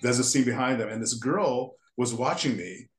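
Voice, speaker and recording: A man's voice: mid-range voice, normal speed, background noise. A man in his sixties, a guest character designer from the United States, telling childhood stories in a rambling way and often restarting his sentences. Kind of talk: casual storytelling interview. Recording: echoey room.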